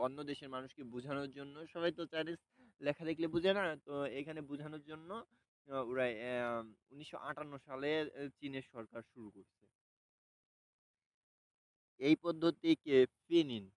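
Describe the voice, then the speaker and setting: Unhurried man teaching with fillers. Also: mid-range voice, dry recording, poor audio. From Bangladesh. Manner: unhurried, hesitant with many fillers, repeats sounds slowly for practice. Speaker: language teacher. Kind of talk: casual spoken lesson.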